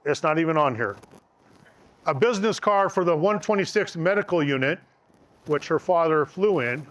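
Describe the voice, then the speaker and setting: A middle-aged man casually telling his engagement story, rambling with fillers and restarts. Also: fairly high pitch.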